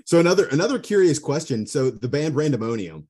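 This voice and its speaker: A man's voice: on the high side, big pitch swings, fast, a little mellow, breathy edge. A man hosting a podcast, asking curious, informal questions. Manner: curious, informal, says "y'all". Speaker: podcast host. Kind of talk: casual interview.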